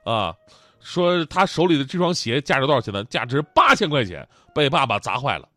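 This host's mid-range voice moves briskly on a dry recording as he spins humorous stories, joking around with lots of animation and plenty of laughs.

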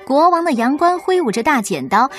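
A woman hosting and reading a children's bedtime story aloud, gentle and expressive. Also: high voice, fairly quick, faint music behind.

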